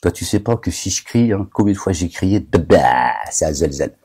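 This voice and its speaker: A man's voice: low-pitched, lively intonation, moderate pace, darkish tone, breathy edge. A man delivering a rambling, agitated monologue to his viewers, scolding them as a self-styled preacher, with constant verbal tics.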